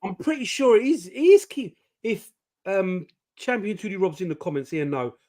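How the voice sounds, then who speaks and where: Chatty man, higher voice. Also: sing-song, normal speed, darkish tone. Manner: chatty, swears, fillers like listen and mate. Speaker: co-host of a comics stream. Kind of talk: casual chat.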